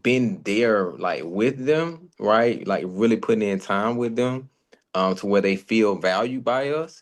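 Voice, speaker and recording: A man co-hosting a podcast in relaxed, friendly conversation, circling back over his points as he talks. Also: lowish voice. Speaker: podcast co-host. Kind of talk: casual conversation.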